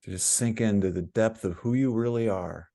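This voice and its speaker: A man with a voice on the low side guides a meditation as a teacher. His instructions are calm and soothing, broken up by frequent pauses.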